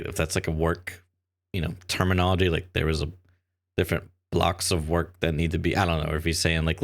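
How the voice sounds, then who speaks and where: A man with a very deep voice co-hosts a podcast in an unhurried, conversational way. He rambles and hesitates, packing his talk with ums and likes. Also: gravelly. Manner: rambling and hesitant, heavy "um" and "like" fillers. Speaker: podcast co-host. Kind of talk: casual chat.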